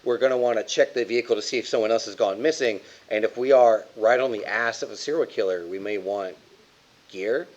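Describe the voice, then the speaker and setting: A man's voice: lowish voice, a little fast, lo-fi sound. A man chatting as a player in a tabletop game, jokey and thinking aloud. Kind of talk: casual chat while playing a tabletop game.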